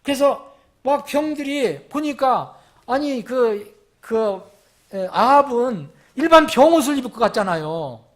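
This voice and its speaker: A man's voice: very high voice, unhurried. A male pastor preaching an afternoon sermon, acting out cries and asking the congregation questions. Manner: animated, acts out quoted cries, asks the congregation questions.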